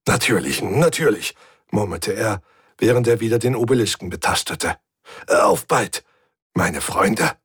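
A man voicing an enthusiastic four-legged alien antique dealer who murmurs slowly and sounds enraptured. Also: on the low side, expressive, a bit bright, slightly rough, no echo, clean studio sound, full character voice. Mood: distracted.

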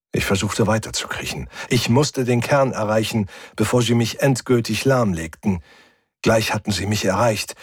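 Husky man narrating an audiobook. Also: fairly low pitch, no room sound, studio quality. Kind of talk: first-person sci-fi audiobook narration.

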